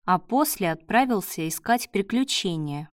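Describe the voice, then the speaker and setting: In studio-quality sound with no room echo, a medium-pitched woman reads an audiobook at a steady, measured pace.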